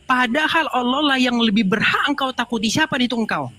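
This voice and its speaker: A man's voice: very high voice, quick pace, a crowd in the background, low-quality recording. A man hosting a live-stream debate, talking emphatically and repeating his questions insistently. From Indonesia. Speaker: channel host debating a caller.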